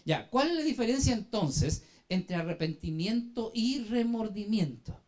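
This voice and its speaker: A man preaches a sermon in the role of an apostle, his expressive voice moving at a measured pace. He tells a story dramatically, swinging from hushed low phrases to loud emphatic bursts, and addresses the congregation directly with call-and-response prompts, urging them to answer and turn to one another.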